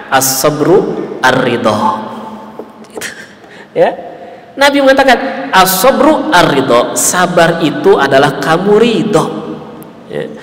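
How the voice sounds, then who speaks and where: A male Islamic preacher with a Sundanese accent giving a sermon, asking the congregation rhetorical questions and punctuating lines with a steady "ya". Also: high voice, echoey room, long reverb tail, poor audio. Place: mosque hall.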